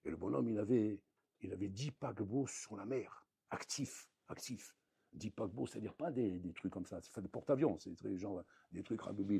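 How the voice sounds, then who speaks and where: A man, a rabbi, giving a lively Torah lesson, acting out little dialogues and swinging between loud outbursts and quiet asides. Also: mid-range voice, breathy edge, no room sound. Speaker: rabbi teaching a Torah class.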